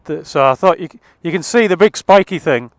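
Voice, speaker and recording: Riding a motorbike outdoors most of the time, a man with an English accent talks casually through a helmet intercom, joking dryly and drifting a little. His voice is on the high side, lively and slightly fast, in a dry recording beneath heavy wind, engine and road noise.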